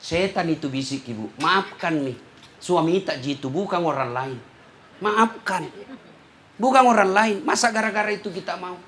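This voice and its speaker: A man's voice: high-pitched, normal speed. A man preaching a humorous sermon to a live audience, acting out the voices of the people in his stories. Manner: animated, acts out voices of listeners and himself.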